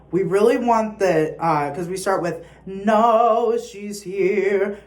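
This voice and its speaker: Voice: medium pitch, a little mellow. A young adult choir teacher giving patient rehearsal instructions and singing short example phrases. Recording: echoey room.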